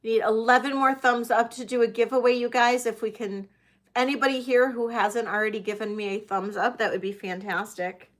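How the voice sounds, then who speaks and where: A woman's voice: fairly high pitch, fairly even intonation, a little fast. A middle-aged woman working as a casual auctioneer on a live sale, chatting and addressing bidders by name.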